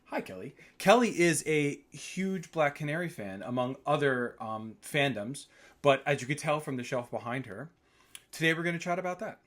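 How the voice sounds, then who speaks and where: A man's voice: fairly high pitch, lively intonation, normal speed, a bit bright. A man hosting a casual video interview, upbeat and encouraging, often restarting his sentences. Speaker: host.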